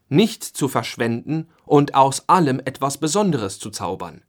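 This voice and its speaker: A man presenting a segment and asking interview questions in a scripted listening-test recording, in a neutral, even reading. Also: mid-range voice.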